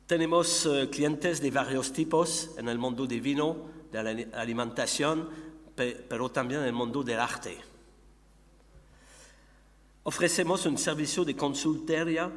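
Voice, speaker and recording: Presenting in a conference hall full of long reverb and background hum, a native French speaker from Montreal, Canada speaks haltingly in a second language, hunting for words through his Quebec accent. This middle-aged company founder and researcher has a voice on the high side.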